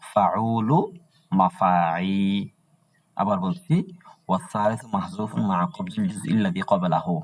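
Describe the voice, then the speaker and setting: A man with a Bangladeshi Bengali accent teaching Arabic prosody in a classroom lecture, asking himself questions and answering them, and drawing out meter syllables slowly. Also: sits low, steady tone, breathy edge.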